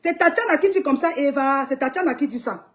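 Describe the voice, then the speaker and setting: A woman's voice: high-pitched, fairly quick, loud music behind the voice. A young woman commenting emphatically on a live stream, urging viewers to watch, with frequent cries to God. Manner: exclamatory, calling on God.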